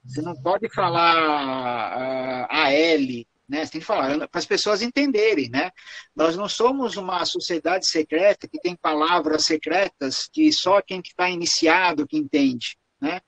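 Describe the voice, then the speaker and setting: A man's voice: on the high side, measured pace, a bit bright, no room sound, rough recording. A man with a Brazilian accent gives a lecture on protocol and answers questions, explaining patiently and tagging his phrases with "tá?" and "né?". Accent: Brazilian Portuguese. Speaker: lecturer on Lions Club protocol.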